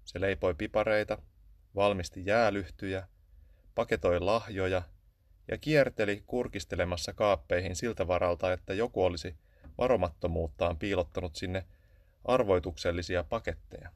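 A man narrating a children's Christmas story in a calm, even storytelling manner. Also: sits low, dry recording, studio quality.

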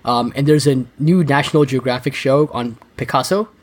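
A man chatting as a podcast guest, talking fast with many restarts and repeated words. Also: medium pitch. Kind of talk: casual interview chat.

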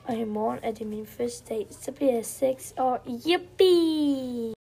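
Woman storyteller, first-person kids' tale, simple sentences, mellow tone. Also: fairly high pitch, little pitch movement, gravelly, breathy edge. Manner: simple short sentences, step-by-step telling.

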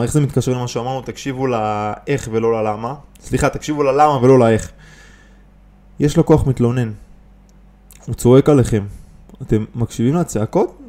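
A business coach hosting a podcast on business and mindset speaks with a mid-range, dark-toned voice. He keeps it casual and emphatic, posing rhetorical questions and starting sentences over a lot.

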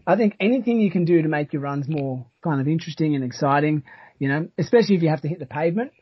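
An Australian man hosting a podcast in casual chat, talking in a halting, rambling but enthusiastic way. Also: a little high, animated, slightly rough, no room sound. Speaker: podcast host. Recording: dull, lo-fi sound.

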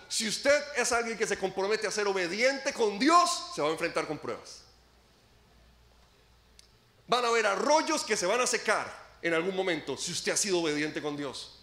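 A male pastor delivers a dramatic sermon, acting out quoted laments and swinging between ringing emphasis and hushed drops. His voice sits high and sounds bright and forceful. The room around him is echoey, like a church hall. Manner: dramatic preaching, acts out quoted laments, sweeping pitch and volume swings.

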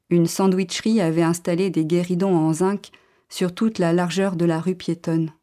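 A woman narrating a literary story in the first person, reading in a calm, measured way. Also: lowish voice.

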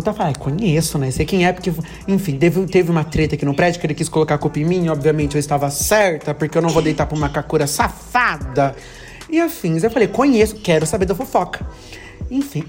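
A young woman co-hosting a podcast, telling building gossip in a casual, animated way with plenty of swearing and pet names for her friends. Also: fairly low pitch. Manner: animated, swears freely, calls friends "amiga" and "gata". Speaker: podcast co-host.

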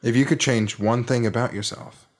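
A man with a loud voice chatting as a podcast guest, joking and sarcastic. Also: mid-range voice, steady tone, normal speed. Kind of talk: casual chat.

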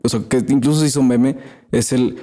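A man's voice: medium pitch, fairly even intonation, fairly quick, mellow. A man with a Mexican accent hosting a casual monologue, rambling in crude slang and often trailing off and restarting. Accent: Mexican Spanish. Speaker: podcast host.

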